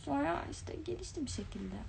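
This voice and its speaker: Young female streamer, higher voice, chatty, answers viewer comments, light room noise under it. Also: big pitch swings, a little fast, creaky, a little mellow. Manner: chatty, reads comments aloud then answers them. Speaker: livestream host. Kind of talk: casual live-stream chat reading viewer comments. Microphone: phone or webcam livestream.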